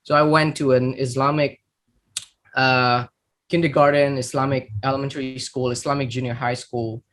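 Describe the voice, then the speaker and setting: With a mid-range, slightly bright voice that barely moves in pitch, this Indonesian man in his thirties talks at a moderate pace. He's a startup founder appearing as a podcast guest, sharing his life story. His tone is reflective, his accent Indonesian, and he leans on fillers and repeated words.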